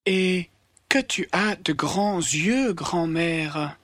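Someone doing a curious little girl from a storybook, slow wondering questions. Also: mid-range voice, animated, a bit bright. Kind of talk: storybook reading.

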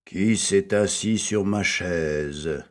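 A big storybook father bear, voiced by a man who speaks low and gruff. His lines come slowly and heavily. Faint music hums behind. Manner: low and growling.

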